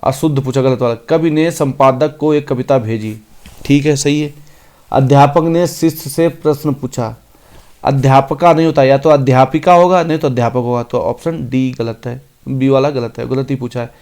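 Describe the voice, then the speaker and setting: A man's voice: medium pitch, darkish tone. Man teaching a grammar lesson. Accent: Hindi. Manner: reads each sentence out slowly, then explains briskly. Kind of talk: exam-prep grammar lesson.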